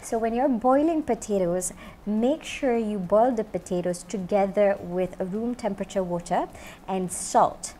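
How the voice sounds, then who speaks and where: With a mellow, medium-pitched voice, the thirtysomething chef chats cheerfully to camera while cooking, dropping plenty of "you know." She wears a lapel mic in a homey indoor kitchen studio, and there's slight noise in the background.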